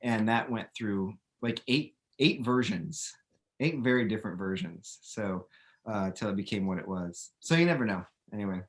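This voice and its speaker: Pitched fairly low with lively intonation, his voice moves at a moderate pace. The same middle-aged author chats casually with students, answering their questions, thinking out loud, and frequently starting his sentences over.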